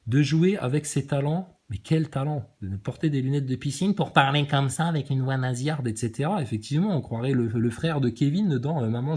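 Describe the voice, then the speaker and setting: Sarcastic swearing man, dark husky voice. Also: mid-range voice. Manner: sarcastic, swears a lot, mocking; laughs between remarks. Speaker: livestreamer reading viewer comments. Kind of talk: casual ranting live commentary.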